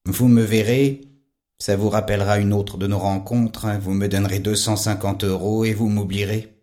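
An actor playing a calm, patient private detective in an audio drama. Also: male voice, fairly low pitch, normal speed, close to an everyday voice. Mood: wistful. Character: odd private detective, calm, faintly sad man.

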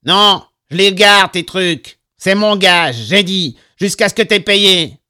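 A man's voice: high voice, a little slow, pushed and bright, no echo, clean studio sound, pitched above the performer's own voice. A man voicing a nasal, servile male bar owner with a fixed smile. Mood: wheedling.

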